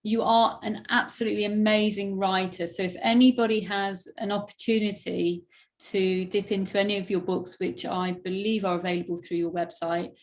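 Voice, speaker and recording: A woman's voice: medium pitch, flat delivery, moderate pace, slight background noise. A woman hosting a recorded call interview, praising her guest at length in a rambling, effusive way. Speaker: podcast host. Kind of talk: warm interview wrap-up.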